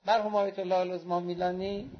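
A man's voice: little pitch movement, muffled recording. A man preaching a sermon, telling anecdotes and acting out the people he quotes. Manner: storytelling, acts out quoted speech with raised pitch.

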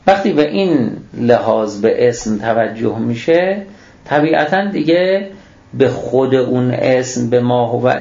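A man's voice: medium pitch, gravelly, a little mellow. A man giving a religious lecture on scripture, reciting Arabic phrases and then explaining them, posing rhetorical questions and answering them himself. The recording is echoey and dull.

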